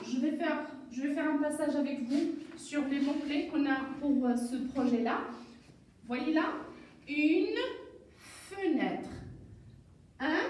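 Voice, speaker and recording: Woman teacher for small kids; high, lively pitch; slow and deliberate; echoey room, far from the mic. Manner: slow, deliberate, sounds out syllables. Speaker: primary school teacher. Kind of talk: reading lesson for young children.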